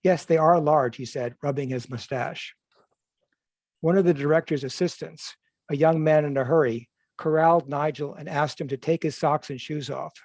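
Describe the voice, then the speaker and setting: A male author reading from his own novel in a measured, even way, now and then correcting himself. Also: on the high side, dry recording. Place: livestream reading.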